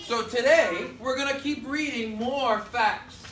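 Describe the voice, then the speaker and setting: Loud music plays behind a man whose voice is very high-pitched and measured in pace. He's a third grade teacher instructing his class indoors, projecting and directing with brief prompts and call-and-response. The distant camera at the back of the room gives an echoey recording with faint noise.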